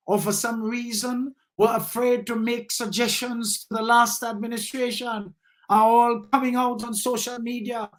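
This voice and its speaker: A man hosting a live session, giving reflective commentary that turns into motivational preaching in a measured way with emphatic rises. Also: extremely high pitch, a bit bright.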